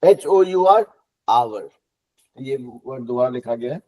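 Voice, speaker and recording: A middle-aged man from Bihar teaching English pronunciation in a classroom, spelling words out letter by letter and repeating them slowly. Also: medium pitch, expressive, warm tone. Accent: Bihari Hindi. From Bihar, India.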